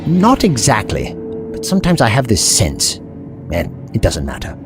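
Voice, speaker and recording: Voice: mid-range voice, wildly swooping pitch, moderate pace, music in the background. A performer in an audio drama playing the Doctor, an eccentric, kindly time traveller who explains things in a wordy, scholarly way. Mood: grave, reflective.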